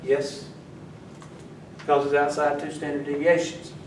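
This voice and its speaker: Unhurried and monotone, a man whose voice runs on the high side teaches a class, needling his students as he talks to them mid-task. The mic picks him up from far off in an echoey classroom, with faint background noise.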